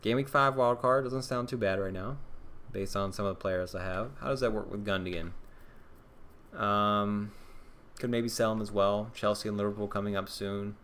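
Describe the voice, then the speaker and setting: A young man with a lowish voice chats on a live stream, answering viewers. He thinks aloud in a loose, casual way, full of ums and restarts. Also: steady tone, normal speed, a bit bright, slight background noise. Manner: casual, answers viewer questions, many fillers. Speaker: fantasy football streamer.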